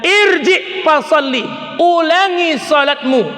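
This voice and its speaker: Preacher doing stern teacher calling out slow orders, high and loud, long reverb. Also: male voice, full character voice. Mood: commanding. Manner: commanding, drawn-out calls. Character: stern male teacher ordering a prayer redone.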